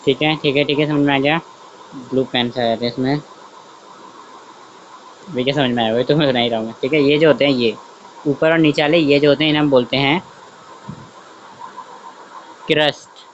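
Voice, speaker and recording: A man's voice: medium pitch, fairly even intonation, normal speed, pauses often, dull audio, slight background noise. A man teaching a class in a chatty way, thinking aloud, often saying okay, and checking that students follow. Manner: chatty, repeats "theek hai" often, thinks aloud while drawing; self-correcting, asks students if they understood. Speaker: science teacher. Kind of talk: online class lesson.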